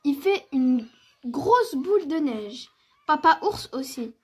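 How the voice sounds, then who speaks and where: A woman reading a picture book aloud for children, clear and expressive, as the storyteller. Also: sits high, takes it slowly.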